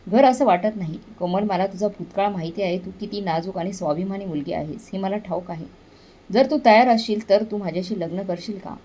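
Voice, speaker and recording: A woman's voice: mid-range voice, fairly quick, mellow, lightly acted. A woman voicing a kind, determined young man who speaks earnestly and reassuringly.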